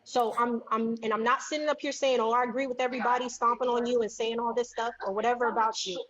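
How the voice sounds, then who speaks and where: A woman's voice: a little high, steady tone, fast, a bit bright, lo-fi sound, slight background noise. A woman on a panel of an online group discussion, insistent about getting her turn to speak, her audio glitching and cutting out. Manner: insistent, keeps asking to speak. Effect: audio cutting out, glitchy connection. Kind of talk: heated live group chat.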